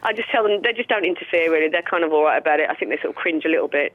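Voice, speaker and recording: A woman comedian chatting quickly on a radio show, joking and laughing often. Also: low voice, no room sound. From England. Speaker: comedian guest. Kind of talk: casual radio chat by phone. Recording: dull muffled phone line.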